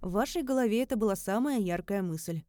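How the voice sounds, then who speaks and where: A woman voicing a talking magical phone artifact that answers in a flat, formal and unfeeling way. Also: medium pitch, brisk, dry recording, studio quality, close to an everyday voice. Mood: deadpan.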